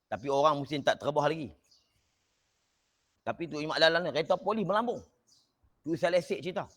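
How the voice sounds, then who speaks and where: In an online class, a religious teacher tells an anecdote with real animation, his somewhat high voice leaping upward whenever excitement takes hold. He speaks at a brisk clip.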